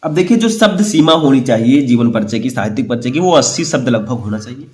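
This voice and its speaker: A man's voice: mid-range voice, animated, quick pace, darkish tone. Man teaching with an echoey room sound. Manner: explanatory, repeats "ठीक है" and asks "समझ में आया?". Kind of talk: exam paper walkthrough.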